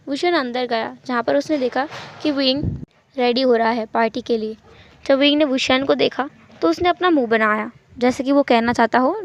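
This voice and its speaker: A high-pitched woman narrates a fan fiction tale in a chatty, conversational way, dropping English words into her storytelling and speaking straight to her viewers. The recording is dull and lo-fi.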